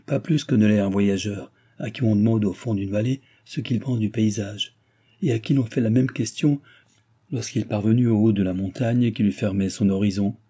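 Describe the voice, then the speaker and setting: A man's voice: fairly low pitch, fairly even intonation, normal speed, dark tone, husky. A man playing a cold, arrogant young man who lectures with disdain in a read-aloud novel. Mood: lecturing.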